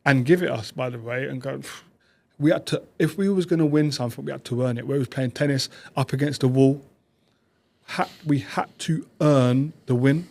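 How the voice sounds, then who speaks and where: A man, a podcast guest telling stories about his past in quick, animated bursts. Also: medium pitch, creaky. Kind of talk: reflective conversational storytelling.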